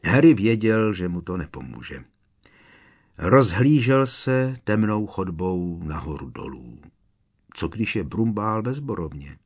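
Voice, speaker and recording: A man's voice: low voice, sing-song, a little mellow, breathy edge. A man narrating an audiobook with a dramatic, varied delivery.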